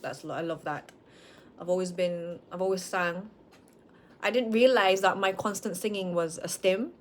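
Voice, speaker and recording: Woman, late twenties, slightly low voice, frank and rambling, personal vlog. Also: normal speed. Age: late 20s. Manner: frank, rambling, self-questioning. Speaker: vlogger. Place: at home with dogs.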